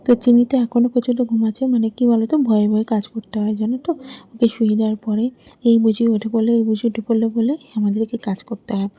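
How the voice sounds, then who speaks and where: In a dry recording, a young woman with a slightly high, mellow, somewhat rough voice chats through her day for a vlog. She's the mother of two little girls and wanders between bedroom and kitchen at home. Her talk rambles, heavy with fillers like "I mean."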